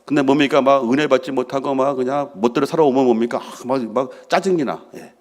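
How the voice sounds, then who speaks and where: A man's voice: mid-range voice, fast talker. A middle-aged man preaching a sermon as senior pastor, asking the congregation questions and answering them himself. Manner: drops to a soft hush for prayers he acts out.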